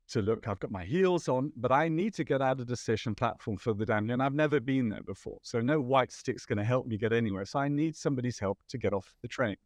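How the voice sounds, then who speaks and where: A man's voice: medium pitch, dry recording, natural voice. A man voicing the quoted words of a cheerful blind woman on a train, speaking candidly in a lightly raised voice.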